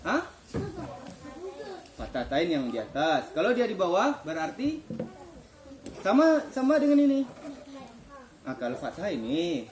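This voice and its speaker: A man's voice: sits high, huge pitch swings, unhurried, long pauses. A man teaching children to read the Quran in a classroom, patiently quizzing them and praising their answers. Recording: echoey classroom.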